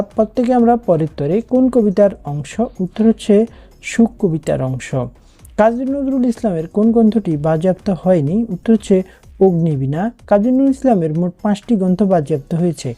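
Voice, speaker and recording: A woman's voice: on the low side, mellow. A woman with a Bangladeshi Bengali accent, working through exam prep questions as a tutor, reading each question and then giving its answer. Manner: reads questions then gives answers, with some restarts.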